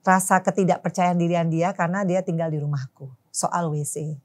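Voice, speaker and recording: A woman's voice: on the low side, fairly even intonation, moderate pace, a little mellow. A woman guest in a casual interview, telling a personal story in colloquial speech and acting out quarrels in quoted voices. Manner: colloquial, mixes in slang and English words.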